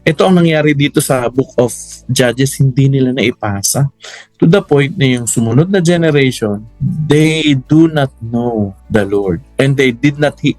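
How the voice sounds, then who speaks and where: Male preacher, lively storyteller, quizzes his flock; dry close mic, faint music bed. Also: medium pitch, no echo. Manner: animated storytelling, challenges listeners with questions. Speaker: Bible study teacher. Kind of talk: Taglish Bible study preaching.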